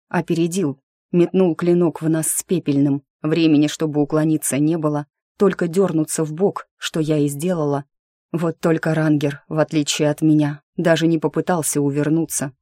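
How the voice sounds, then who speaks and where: A woman reading a first-person fantasy audiobook in a lively, wry storytelling manner. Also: low voice, no room sound, studio quality. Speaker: audiobook narrator. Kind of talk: scripted fantasy narration.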